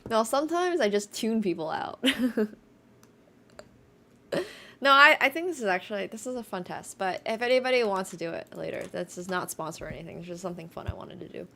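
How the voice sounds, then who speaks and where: Her voice is medium-pitched, gravelly and bright, with a forceful tone and a slight nasal quality. She's a young Finland-based live streamer, Mandarin-speaking by birth with a light American accent, chatting casually with viewers, full of quick asides and frequent laughter.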